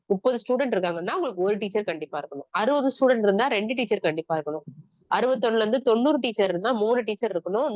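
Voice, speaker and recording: A woman's voice: medium pitch, dry recording. A woman with a Tamil accent teaching an exam-prep class, explaining step by step and asking the class questions. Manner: mixes English terms into Tamil speech. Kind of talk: online exam-prep lecture. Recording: dry, muffled lo-fi recording.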